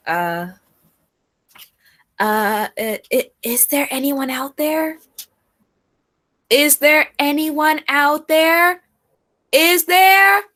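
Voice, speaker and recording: A woman's voice: high voice, a bit bright, full character voice. A woman playing a flustered doctor in a radio play, hesitant, awkward and stammering. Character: flustered, halting woman doctor broadcasting by shortwave.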